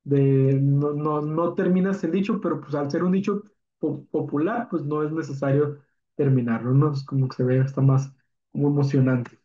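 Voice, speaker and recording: Chatty teacher, filler-laden, echoey recording. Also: male voice, fairly high pitch, fairly even intonation, moderate pace, warm tone. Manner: informal and chatty, with many "eh" fillers and tag questions. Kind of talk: recorded spelling and punctuation lesson. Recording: dull, echoey classroom audio.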